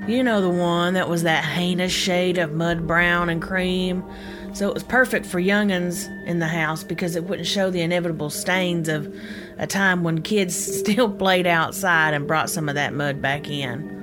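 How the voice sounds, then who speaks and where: A woman's voice: on the low side, fairly even intonation, normal speed, over music. A middle-aged woman, telling a scripted personal story in a folksy, descriptive way as a podcast host. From United States (Indiana, Kentucky). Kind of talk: scripted personal narration, ghost story memoir.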